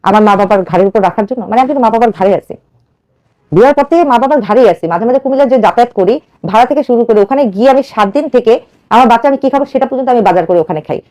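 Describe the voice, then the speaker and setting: A woman from Bangladesh in her thirties tells her own story to a radio host. She talks very fast in a somewhat high voice. She is earnest throughout and acts out the lines of the people she quotes. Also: animated, dark tone. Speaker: caller telling her life story. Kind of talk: emotional personal storytelling.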